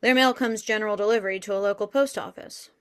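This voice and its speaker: A woman's voice: medium pitch, quick pace, a bit bright, clean tone, lightly acted. A woman reading the part of a skeptical, level-headed female FBI agent. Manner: skeptical, questioning. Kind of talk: dramatic script reading.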